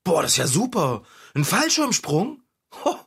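A man playing a cheerful, optimistic bicycle repairman in a children's radio play, excitable and husky. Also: unhurried, exaggerated voice. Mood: excited. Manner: excitable, swoops wildly in pitch.

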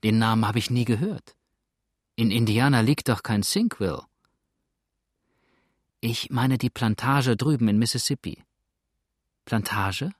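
A man's voice: medium pitch, unhurried, pauses often, no room sound, clean studio sound, lightly acted. A man voicing a confused sick young woman. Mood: puzzled. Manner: soft, gently puzzled.

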